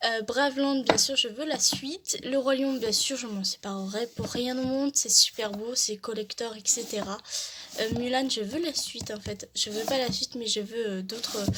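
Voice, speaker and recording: A woman's voice: on the high side, noisy background. A woman vlogging casually about her books, rambling and hesitant with many fillers, talking with effort through a sore throat.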